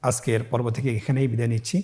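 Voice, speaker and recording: Male Quran teacher, mid pitch, patient step-by-step instruction, sounds out syllables in a slow raised chant. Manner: drawn-out, raised chanting when sounding out letters; calm, instructive explaining. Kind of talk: step-by-step spelling lesson.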